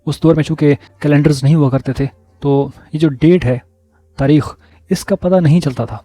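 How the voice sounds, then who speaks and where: A man telling personal stories in a casual vlog, relaxed and repeating words for emphasis. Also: a little high, dry recording. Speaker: vlogger.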